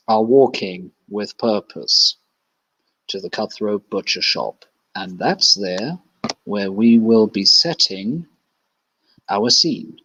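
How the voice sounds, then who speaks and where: Man, low voice, unhurried game narration; muffled recording. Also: a bit bright. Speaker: player. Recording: dull lo-fi.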